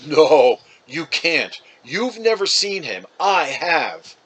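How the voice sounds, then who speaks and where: Guy playing an argumentative older-brother kid in a storybook, exasperated, husky, pitch jumping around. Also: big pitch swings, slow pace, fairly bright tone, heavily acted. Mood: insistent. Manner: exasperated, insistent.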